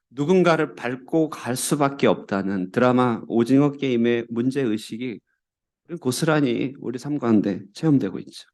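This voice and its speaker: A man's voice: mid-range voice, darkish tone. Korean man preaching a sermon. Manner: earnest preaching, rising emphasis on key words. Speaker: pastor. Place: church sanctuary.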